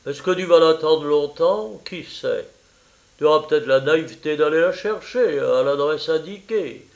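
A man reading aloud and voicing a pushy young man who teases and mocks his friend loudly. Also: on the high side, a little slow, vocal fry. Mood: mocking. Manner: loud, teasing, pushy.

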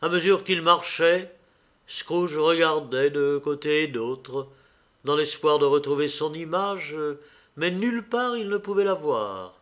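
A man narrating a classic story as an audiobook in a measured, expressive way. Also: a little high.

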